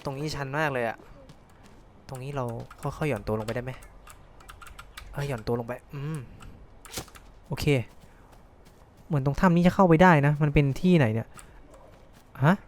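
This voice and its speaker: A man's voice: mid-range voice, moderate pace, long pauses, a little hiss or hum. A man streaming a video game, thinking aloud and exclaiming as he plays. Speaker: gameplay streamer. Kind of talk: casual let's-play commentary.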